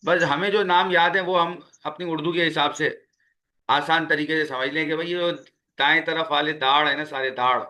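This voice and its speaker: A man leads a spoken tajweed lesson in a small classroom, with a student sitting in. His voice sits a little high and rings bright and forceful. He is patient and repeats each key sound slowly. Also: fairly even intonation. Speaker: Quran recitation teacher.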